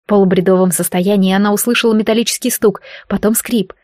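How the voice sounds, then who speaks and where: A woman narrating a fantasy novel in a measured, even storytelling manner, recorded on a close microphone. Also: mid-range voice, no room sound. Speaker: audiobook narrator.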